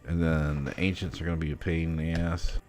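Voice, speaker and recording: Very deep-voiced sleepy male streamer. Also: little pitch movement, fairly quick, darkish tone. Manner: rambling, tired, swears casually, thinks aloud with many fillers. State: sleepy, yawning. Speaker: gaming streamer. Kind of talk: casual gameplay commentary.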